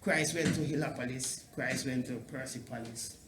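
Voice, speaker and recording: A man with a mid-pitched voice talks as a Rastafarian priest, in Rasta speech with patois grammar. His delivery is sermon-like and repeats phrases for emphasis. It is recorded in a roomy, echoing space with clear background noise. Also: fairly even intonation, moderate pace. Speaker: Rastafarian priest being interviewed. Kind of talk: preaching-like interview talk on theology.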